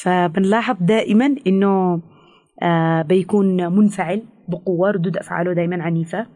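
A woman with a Yemeni Arabic accent, a counselor explaining things in an interview, fast with frequent hesitations. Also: on the low side, fairly even intonation, dark tone. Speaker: teen counselor. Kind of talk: expert interview answers.

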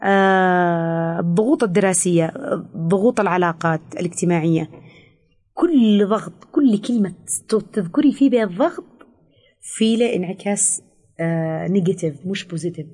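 A woman with a Yemeni Arabic accent, a counselor explaining things in an interview, fast with frequent hesitations. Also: fairly low pitch, a little mellow. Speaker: teen counselor. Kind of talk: expert interview answers.

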